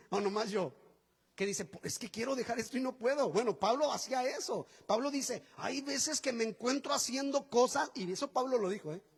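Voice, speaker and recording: A man preaching a sermon as pastor, animated and folksy, acting out quotes with chatty asides to the congregation. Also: very high-pitched, moderate pace, creaky, husky. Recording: long hall reverb.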